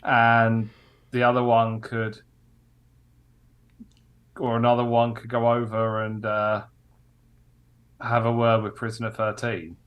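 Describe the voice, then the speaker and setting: A man's voice: mid-range voice, completely flat delivery, slow, pauses often. A man playing in a tabletop game, chatting casually with many fillers. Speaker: player. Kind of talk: tabletop role-play chat.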